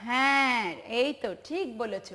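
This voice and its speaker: High, slow-speaking Bangladeshi woman teacher. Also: pushed and bright. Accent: Bangladeshi Bengali. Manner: slow, patient, drawn-out recitation with call-and-response questions. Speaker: pre-primary teacher. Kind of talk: televised home-learning lesson for young children.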